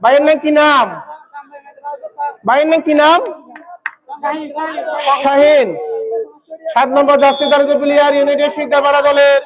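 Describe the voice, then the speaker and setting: A man giving excitable live football commentary, repeating players' names and shouting out the shots. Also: very high voice, normal speed, pauses often, poor audio. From Bangladesh. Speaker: local football match commentator and announcer. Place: outdoor local football ground.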